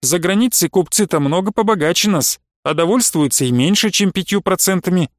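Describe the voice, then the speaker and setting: A man voicing a calm, firm younger merchant who will not budge on price. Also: sits high, a little fast, dry recording, studio quality. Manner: calm, steady, firm refusals.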